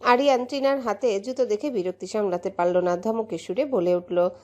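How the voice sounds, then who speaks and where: A woman narrating a romantic audio story in an emotive, steady way. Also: medium pitch, normal speed.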